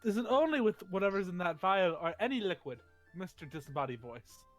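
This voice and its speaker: A man's voice: high-pitched, animated, a little fast, fairly bright tone, faint music behind. A man playing a tabletop role-playing game, bantering in character in a playful, mock-formal way.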